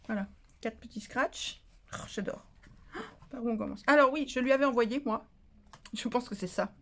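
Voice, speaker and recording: A woman's voice: fairly high pitch, a little fast. A woman hosting a casual unboxing vlog for her crafting channel. She gushes, repeats herself and talks to her viewers while she opens a parcel. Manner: gushing, excitable, repeats herself.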